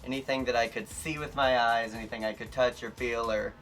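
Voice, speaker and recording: A man's voice: mid-range voice, steady tone, a little fast, a bit bright, soft background music. A man with a sassy, campy drag-queen manner, chatting and bantering casually as a guest.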